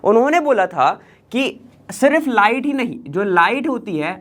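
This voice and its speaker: A man's voice: very high voice, sing-song, normal speed, fairly bright tone. Chatty male chemistry tutor. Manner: explains step by step, tagging lines with "ठीक है" and asking questions; mixes English terms into casual Hindi. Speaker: chemistry teacher. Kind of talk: online exam-prep lesson.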